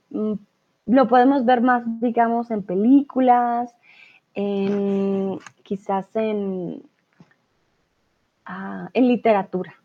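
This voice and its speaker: Slow, patient Colombian teacher woman. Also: medium pitch. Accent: Colombian Spanish. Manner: patient, explains slowly with frequent "¿vale?" check-ins. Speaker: Spanish teacher. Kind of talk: live online Spanish lesson. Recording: tinny phone-like audio.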